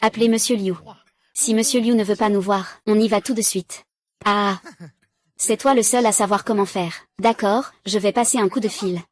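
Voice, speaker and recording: A woman voicing all the roles of a drama series in one even, unchanging reading voice. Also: medium pitch, normal speed. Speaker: voice-over dubber. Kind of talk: single-voice dub of a drama series.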